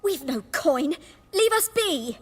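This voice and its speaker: A woman's voice: high-pitched, very animated, slow pace, in a large hall, full character voice. A woman playing a wary, harassed young street performer in a video game, speaking in a plaintive, guarded way. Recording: music behind.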